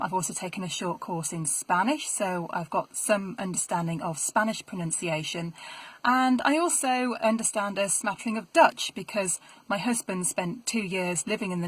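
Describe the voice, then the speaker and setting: A middle-aged woman, a voiceover artist, chatting to camera from her small home studio in a friendly, clearly enunciated way. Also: on the low side, low-quality recording. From England. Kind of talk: casual explainer to camera.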